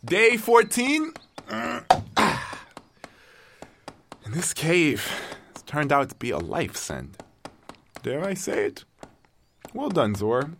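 A man's voice: fairly high pitch, huge pitch swings, takes it slowly, a bit bright, slight background noise, heavily acted. A man playing a wry stranded self-made king. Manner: wry, self-mocking, talks to his helpers. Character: stranded male castaway who calls himself king. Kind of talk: audio drama acting.

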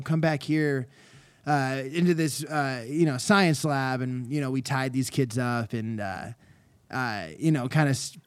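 A man trading improvised comedy banter, animated and quick to jump into silly voices. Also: clear, resonant tone, dry recording, studio quality. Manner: animated, jumps into silly voices and sudden high squeals.

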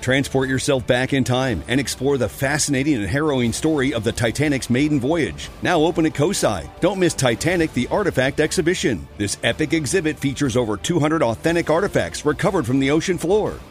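A man's voice: mid-range voice, expressive, brisk, few pauses, soft background music. A male announcer giving a polished, scripted ad read. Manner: polished promotional delivery. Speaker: advertisement announcer.

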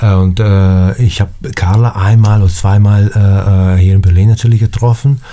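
A man's voice: lowish voice, fairly even intonation, normal speed, dark tone. A man from Italy speaking German with an Italian accent as a musician guest in a radio interview, hesitant and searching for words. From Italy, Veneto.

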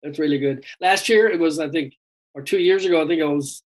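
Fairly high-pitched and fairly quick, this guest singer rambles through a casual interview chat, saying "dude" a lot. Audio quality is poor.

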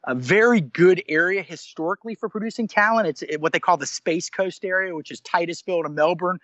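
Higher-voiced rambling reporter man. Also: brisk, a bit bright, no room sound, muffled recording. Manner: rambling, self-correcting, many restarts. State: hiccups. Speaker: recruiting reporter. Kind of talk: casual podcast chat.

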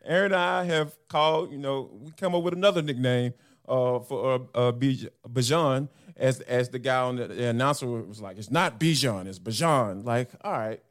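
A man co-hosting a casual sports podcast, talking in an animated, slangy way and joking with his partner. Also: mid-range voice, moderate pace. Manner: animated, slangy banter with laughs. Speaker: podcast co-host.

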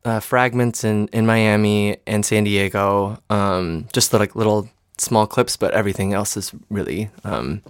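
A young man in his twenties, raised in Michigan, talks casually as an interview guest about his life. His voice sits fairly low, and he hedges and restarts often, filling gaps with ums. The sound is dry and close, with no room echo. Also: steady tone, a little slow, hardly any pauses, smooth. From Michigan, United States. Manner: hesitant, many fillers and restarts. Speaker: interview guest, stage actor and singer.

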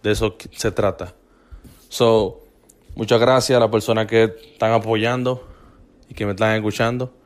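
Speaking at a moderate pace with frequent pauses and a steady tone, a fairly low-voiced man from the Dominican Republic runs a casual motivational fitness podcast. His delivery is loose and repetitive, with restarted phrases and English filler words.

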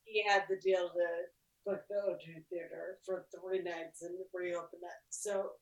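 A woman guest on a podcast, telling stories in a relaxed, frank way. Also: lowish voice, a little slow. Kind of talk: casual storytelling. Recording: echoey, distant from mic.

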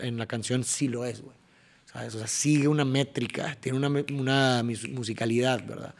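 A man with a Mexican accent, a podcast guest explaining his songwriting eagerly, often restarting and tapping out rhythms. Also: mid-range voice. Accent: Mexican Spanish. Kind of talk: casual interview chat.

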